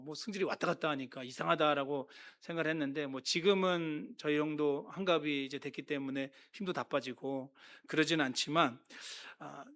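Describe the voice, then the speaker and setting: A man's voice: fairly high pitch, fairly bright tone. A man in his fifties, a pastor giving a sermon, telling personal stories in a conversational, self-deprecating way.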